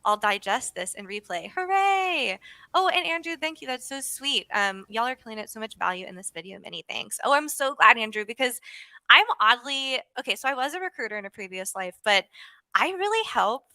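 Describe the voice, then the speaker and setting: A woman's voice: fairly high pitch, sing-song, a little fast, pushed and bright, dry recording. A woman hosting a casual livestream, bubbly and exclamatory, chatting with a guest and reading the chat. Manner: bubbly and exclamatory, frequent "ooh" and laughs. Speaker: livestream host.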